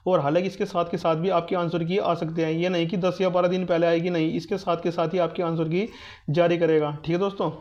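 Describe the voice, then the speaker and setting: A man with a high-pitched, somewhat mellow voice gives students an informal exam update. The exam news and guidance YouTuber repeats himself to reassure and instruct. His recording is lo-fi, muffled and dull.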